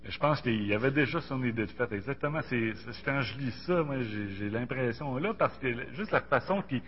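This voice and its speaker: A man in his forties with a Québécois French accent, speaking casually about faith and personal experience in a halting, colloquial way with many repeated words. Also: medium pitch, animated. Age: 40s. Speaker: Bible study participant. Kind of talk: casual religious discussion with personal testimony. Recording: muffled lo-fi audio, faint hum.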